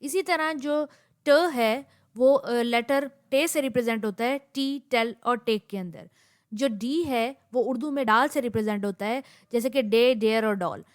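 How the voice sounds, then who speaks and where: A woman's voice: fairly high pitch, a little slow, clear, resonant tone. Woman teaching. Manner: reads example words one by one in a steady pace. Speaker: English teacher. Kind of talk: slow, methodical lecture with spoken word lists.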